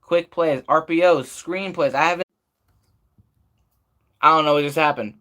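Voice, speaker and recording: Male sports fan streamer, voice a bit on the high side, unscripted commentary, frustrated and opinionated, hammers points by repeating them. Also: unhurried, pushed and bright. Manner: frustrated, opinionated venting with emphatic repetition.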